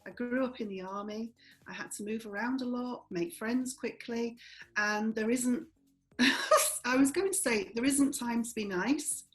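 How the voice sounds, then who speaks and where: A woman's voice: fairly high pitch, unhurried, soft background music, poor audio. A woman in her forties, a property trainer and interview guest, speaking bluntly and openly, laughing often as she talks. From born in Germany, raised in army families. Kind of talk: candid interview conversation.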